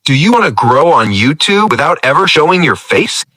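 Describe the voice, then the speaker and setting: A man's voice: fairly high pitch, big pitch swings, moderate pace, bright, forceful tone, no room sound. Male voice-over, punchy hook lines, sped-up chipmunk playback, dry and close. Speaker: voice-over being edited. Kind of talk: promo voice-over.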